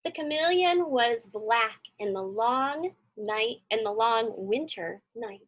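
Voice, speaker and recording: With a fairly high, expressive voice, a woman reads a storybook slowly to children as their teacher, chatting casually, cheering them on and asking questions. The audio quality is poor.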